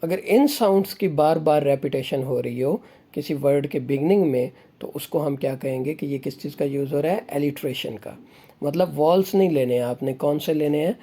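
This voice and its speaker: Mellow-voiced teacher. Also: male voice, fairly high pitch, normal speed. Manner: asks questions and answers them himself. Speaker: English teacher. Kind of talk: explaining grammar lesson.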